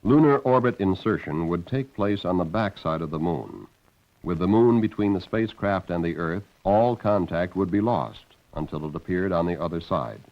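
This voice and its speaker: A man delivers scripted documentary narration in a fairly deep voice. The soundtrack is slightly muffled, like an old film. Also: animated, moderate pace. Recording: dull band-limited old film soundtrack.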